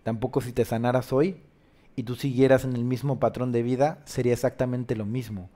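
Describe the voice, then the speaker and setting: A man speaks as a spiritual counselor, in a steady mid-range voice. He drives his points home insistently, checking in with rhetorical questions. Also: medium pitch, brisk. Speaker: host giving spiritual guidance.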